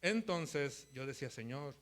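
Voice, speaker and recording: A man preaching a sermon in a church, animated and rambling, with many restarts and quick laughs. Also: medium pitch. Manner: laughs between phrases.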